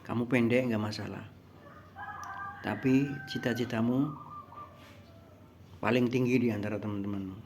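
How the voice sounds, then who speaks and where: A man voicing a patient, wise father who gently reassures his young son in a spoken story. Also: mid-range voice, steady tone, normal speed, long pauses, slight background noise, close to an everyday voice. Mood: reassuring.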